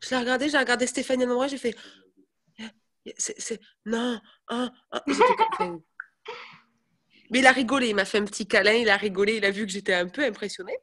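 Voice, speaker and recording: A young woman chatting casually to her viewers, telling animated stories. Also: a little high, racing, hardly any pauses. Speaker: network marketing presenter. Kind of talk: casual live chat.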